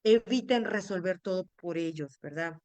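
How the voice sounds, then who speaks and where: A woman's voice: on the low side, moderate pace, darkish tone, no echo. A woman neuropsychologist leading a parenting workshop, explaining earnestly to parents and tagging almost every phrase with a questioning "right?". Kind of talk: online workshop talk.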